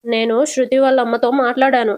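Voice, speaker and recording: Woman narrator doing a meddling middle-aged mother-in-law: high-pitched, indignant, sharp-tongued, dry close mic. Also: little pitch movement, brisk, dry recording, natural voice.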